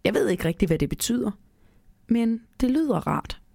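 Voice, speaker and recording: A woman reading a children's Christmas story aloud as narrator, in a calm, measured way, then chatting casually. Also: on the high side, vocal fry, breathy edge, no room sound, studio quality. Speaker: storyteller and co-host.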